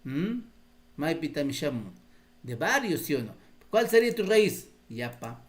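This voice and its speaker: A man's voice: on the high side, sing-song, a little slow. A man with a Peruvian Spanish accent teaching Quechua grammar to teachers in a live class, patiently explaining and quizzing the group.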